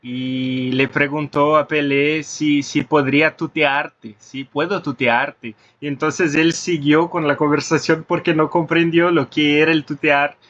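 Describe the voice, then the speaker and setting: A man's voice: a little high, fairly even intonation, a little slow, hardly any pauses, a bit bright, dull audio. A man hosting a casual conversation, hesitant, searching for words with many restarts. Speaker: host.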